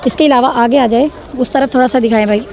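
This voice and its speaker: A woman's voice: on the high side, steady tone, fast talker, darkish tone. A woman with a Pakistani accent hosting a market vlog outdoors, selling the goods to viewers in repetitive patter that urges them to come and buy. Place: outdoor street bazaar.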